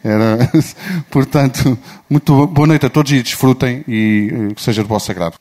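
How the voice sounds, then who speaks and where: A man's voice: medium pitch, moderate pace, darkish tone. A man with a European Portuguese accent giving opening remarks at a literary event, hesitant and full of fillers. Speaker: festival organizer.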